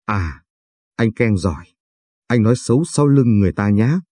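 A man's voice: fairly low pitch, animated, moderate pace, mellow, no room sound, studio quality. A man voicing a playful, talkative young village woman who needles and teases in a storybook reading. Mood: teasing.

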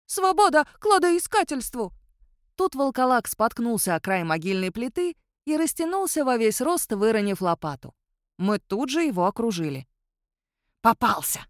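A woman narrating an audiobook story in an expressive, animated way. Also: on the high side, moderate pace, no echo, studio quality.

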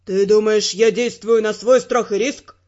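A woman's voice: medium pitch, fairly even intonation, measured pace, dark tone, lo-fi sound, pitched below the performer's own voice, close to an everyday voice. A woman voicing a stern senior male spy who scolds harshly, in an audiobook reading. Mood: stern, angry.

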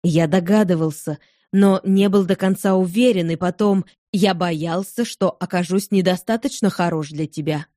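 Shy young farmer in love, hesitant and slow, soft dark tone, read by a woman. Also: on the low side, no echo, studio quality, close to an everyday voice. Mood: timid.

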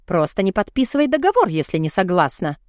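A woman's voice: mid-range voice, very animated, brisk, darkish tone, dry recording, clean studio sound, lightly acted. A woman reading the part of an evasive middle-aged mother who placates her daughter, in an audiobook. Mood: irritated.

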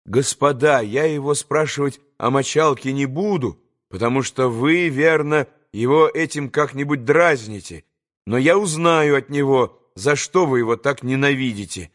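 A man's voice: medium pitch, moderate pace, close to an everyday voice. A man reading an earnest, reproachful young man.

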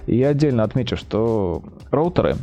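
A man with a medium-pitched, expressive, mellow voice speaks at a moderate pace over soft background music, and the sound is lo-fi. Acting as a company representative, project manager and interview guest, he presents and answers questions informally, using businesslike, sales-like phrasing.

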